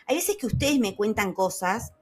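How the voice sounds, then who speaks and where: An Argentine woman with a Rioplatense accent talks to her audience in a casual, motivational way. Her pitch swoops up and down as she speaks, and her voice is slightly husky and breathy. She slips into little acted voices when she quotes people. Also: normal speed. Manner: animated, conversational, acts out quoted voices.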